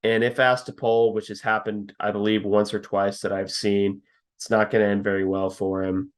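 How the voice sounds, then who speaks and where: With a low-leaning voice, little pitch movement and a moderate pace, a young podcast co-host casually analyzes a football team's linemen. He reads stats aloud and chuckles at the digs he takes himself.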